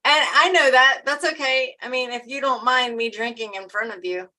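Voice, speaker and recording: A woman's voice: on the high side, normal speed, sharp tone, rough recording. A woman from Maryland co-hosting a live stream, chatting casually and laughing often. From Maryland, USA.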